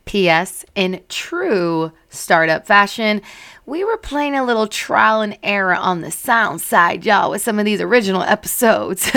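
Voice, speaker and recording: A woman hosts her podcast with a brash, slangy energy, tossing in casual address to her listeners. Her voice sits at an ordinary pitch for a woman. The recording is dry and close. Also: a bit bright, no echo. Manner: brash, slangy, says y'all and honey. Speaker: podcast host.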